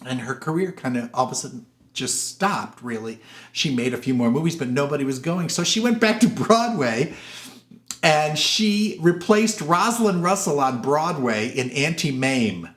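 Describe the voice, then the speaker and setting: A man hosting a casual film review show, animated and gossipy, sometimes putting on voices for quotes. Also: a little high, normal speed. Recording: roomy echoey room.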